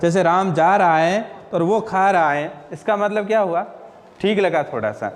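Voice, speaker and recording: A man's voice: high voice, moderate pace, long reverb tail. A man teaching Hindi grammar in a classroom lecture, often asking his students questions and answering them himself. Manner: asks and answers own questions, repeats "ठीक है ना?".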